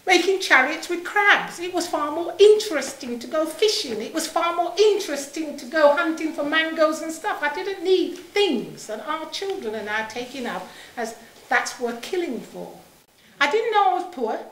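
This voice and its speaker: A middle-aged woman from Saint Kitts speaks publicly with passion and emphasis. Her voice sits high, and she drives points home through repetition and rhetorical questions. The room adds a noticeable echo. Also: lively intonation, normal speed, fairly bright tone, a little hiss or hum. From Saint Kitts in the Caribbean, moved to England aged seven. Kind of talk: impassioned public talk. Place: indoor room, speaking to an audience. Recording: roomy, echoing live talk.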